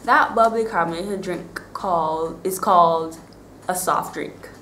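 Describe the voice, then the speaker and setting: A woman's voice: lowish voice, measured pace, fairly bright tone. A woman in her twenties with a Barbadian accent, chatting casually to the camera as a vlogger. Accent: Bajan (Barbadian). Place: small bare-walled room indoors. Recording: roomy echo, faint background noise.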